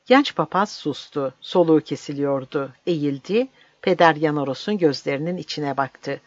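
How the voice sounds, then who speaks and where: A narrator reading a novel aloud in a measured, even storytelling manner. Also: medium pitch, no room sound. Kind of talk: audiobook narration. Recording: dry, slightly dull.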